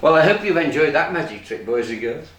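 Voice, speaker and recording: A man's voice: fairly high pitch, very animated, fairly quick, a bit bright. A man performing as a kids party magician and children's host, telling stories in simple, repeated phrases with exaggerated mock surprise and pantomime questions. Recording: roomy echo, distant microphone.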